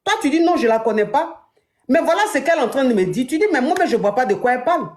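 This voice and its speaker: A woman coach talking through a caller's story, animated and acting out the lines of the people in it. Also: sits high, fast, echoey room. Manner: animated, acts out dialogue. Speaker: relationship coach host. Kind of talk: casual advice talk.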